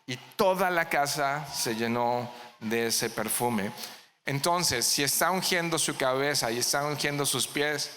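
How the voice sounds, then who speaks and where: A male pastor preaches with a sharp, bright tone. He keeps asking the congregation questions and answering them himself. His voice rings out in a large, echoing hall over a faint hiss. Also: mid-range voice, unhurried. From Mexico. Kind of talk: verse-by-verse sermon. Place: church hall.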